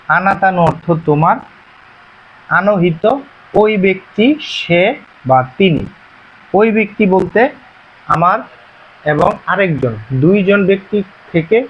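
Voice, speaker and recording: A man teaching a beginner language lesson, explaining slowly and repeating himself, with frequent "ah" fillers. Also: high voice. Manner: slow, repetitive explaining with many pauses and "ah" fillers. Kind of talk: classroom-style lesson. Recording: dull, muffled recording.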